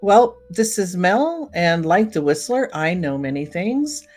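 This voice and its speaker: On her casual solo podcast about old time radio, a woman chats directly with listeners. Her voice is low-leaning and a little mellow, with big pitch swings and a measured pace.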